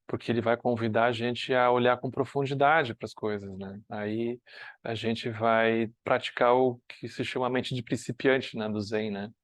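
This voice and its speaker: Brazilian man giving a relaxed dharma talk. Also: mid-range voice, a little slow, no echo. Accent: Brazilian Portuguese, northern (uses "tu"). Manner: conversational, often asks "né?", with dips to soft quiet asides. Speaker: Buddhist study group teacher. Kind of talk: relaxed spoken teaching talk.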